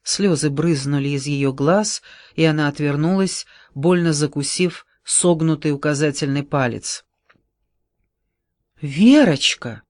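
A man narrating an audiobook in an even, measured reading. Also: fairly high pitch, no room sound, clean studio sound. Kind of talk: scripted narration.

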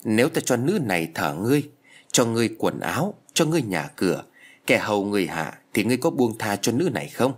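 A man voicing a stern elderly male exorcist who commands and scolds a ghost in a husky voice. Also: on the low side, big pitch swings, fast talker. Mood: commanding.

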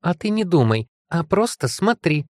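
A cheeky female tree spirit, put on by a man in a fantasy audiobook, full of mockery. The voice rises high above his usual pitch and comes across teasing. The sound is dry and close. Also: big pitch swings, brisk, a little mellow, dry recording. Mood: sarcastic. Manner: mocking, giggly.

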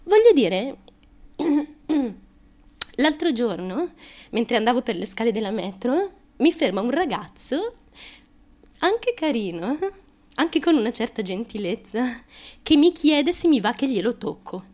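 With a fairly high, darkish voice and big pitch swings, an actress plays a troubled young woman confiding coyly in an intimate radio theatre monologue. It's crude and confessional, nervous and halting, with abrupt emotional turns.

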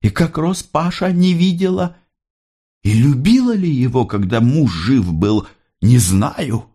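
A man voicing a gentle older mother worn by hardship, speaking in a raised, pleading and emotional tone. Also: expressive, unhurried, husky. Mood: sorrowful. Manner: higher, pleading, emotional delivery.

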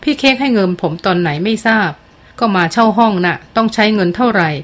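A sulky young man who pushes back against a scolding, as a woman narrator plays him, indignant and defensive in a storybook reading. The voice stays at an ordinary middle pitch, with a grudging, aggrieved edge to the way he argues. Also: quick pace, lightly acted.

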